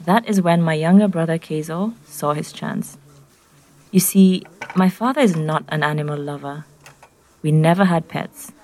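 A woman from Nairobi with a Kenyan accent, narrating a scripted personal story in clear, simple short sentences. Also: sits low, normal speed, darkish tone.

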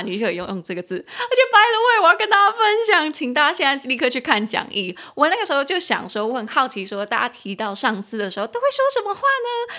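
A woman with as her hosts a chatty English lesson podcast. She drills pronunciation by spelling words out and saying them slowly, over and over. Her voice swings widely, leaping into high, excited bursts. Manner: spells out words and repeats stress patterns slowly. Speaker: podcast host teaching English.

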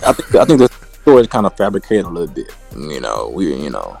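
A man's voice: deep voice, wildly swooping pitch, fast talker, creaky, darkish tone, soft background music. A man co-hosting a casual sports talk show, rambling and leaning heavily on "you know" and "like I said".

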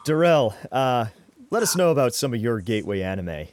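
A man's voice: mid-range voice, big pitch swings, fairly quick, a little mellow, no room sound. A middle-aged man hosting a casual podcast, conversational and joking, feeling his way through his sentences. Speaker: podcast host.

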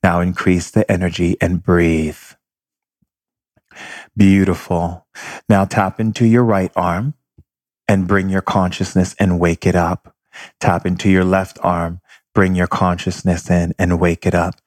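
A man leading a guided meditation with slow, calm instructions. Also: deep voice, dry recording, clean studio sound.

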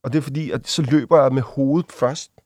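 An adult man, guesting in a casual interview, recounts events with halting restarts and fillers. He brings the story to life by acting out the voices of people he quotes, and his middle-pitched voice is captured in a dry, close recording.

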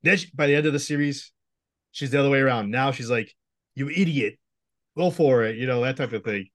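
A man's voice: medium pitch, brisk, fairly bright tone. A man hosting a podcast interview, enthusiastic and agreeable in casual chat. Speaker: podcast host.

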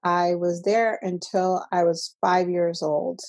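A woman from the Dominican Republic talks as an interview guest, reflective and earnest, circling back over her words. Her voice sits a little low, with a mellow, darker tone and a husky, breathy edge. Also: steady tone, slow pace. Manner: reflective, earnest, with many restarts. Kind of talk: personal interview.

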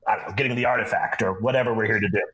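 A man's voice: fairly low pitch, fairly even intonation, very fast, sharp tone. A man in casual chat who eagerly leads the discussion as a podcast co-host. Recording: roomy echoey recording.

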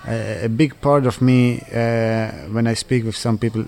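A man from Switzerland in his thirties, answering interview questions in halting non-native English full of fillers and restarts. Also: mid-range voice, fairly even intonation, vocal fry, darkish tone. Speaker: interviewee, footballer.

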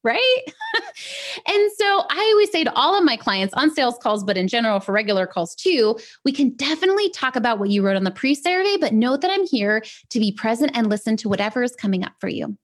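Upbeat woman sales coach, high and lively, chatty delivery full of "like" and "right?", for a live talk. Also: a little fast. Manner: chatty, upbeat, peppered with "like" and "right?", laughs often. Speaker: business sales coach, show host. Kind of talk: live teaching talk to viewers.

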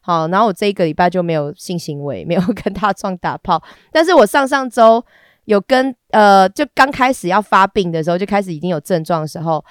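A woman hosting a podcast. She sounds hoarse and congested, and she chats in a frank, bawdy, giggly and rambling way. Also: medium pitch, brisk, no echo, studio quality. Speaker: podcast host. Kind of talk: casual solo podcast chat.

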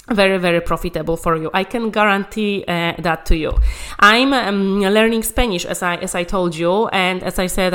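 This woman, a Polish-born English conversation coach, speaks in a mid-range, slightly bright voice. Her motivational language-learning talk is emphatic and encouraging, and she keeps repeating key phrases.

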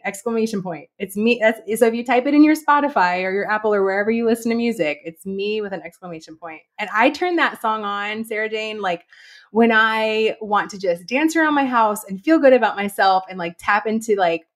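Woman guest, bubbly and giggly, loose casual talk full of fillers, mid pitch. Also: fairly quick. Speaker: guest author and fitness instructor. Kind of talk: casual interview.

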